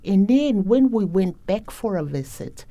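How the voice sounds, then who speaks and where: A woman speaking as an education facilitator in a reflective interview, in a measured, deliberate manner. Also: mid-range voice, very animated, warm tone, no echo.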